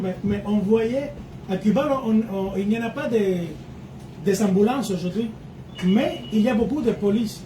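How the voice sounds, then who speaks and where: High-voiced, mellow man, halting and earnest. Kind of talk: informal public discussion. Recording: echoey, distant, faint noise.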